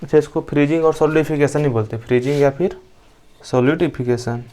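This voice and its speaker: A young Indian man with a slightly high, fast, mellow voice teaches a science class. He poses questions to his students, answers them himself, and says every key term more than once in this classroom lecture.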